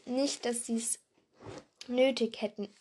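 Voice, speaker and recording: A woman's voice: on the high side, steady tone, slow, darkish tone, breathy edge. A woman voicing a nervous, stammering young male teacher in a storybook reading. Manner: stammering, timid.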